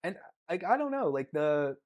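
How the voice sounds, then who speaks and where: A man co-hosting a casual podcast conversation, his voice sitting somewhat high for a man. He rambles as he thinks aloud, stringing thoughts together with constant "like" and trailing restarts. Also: sing-song, moderate pace, darkish tone, muffled recording. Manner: rambling, filler-heavy, lots of "like". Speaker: podcast co-host. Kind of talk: casual chat.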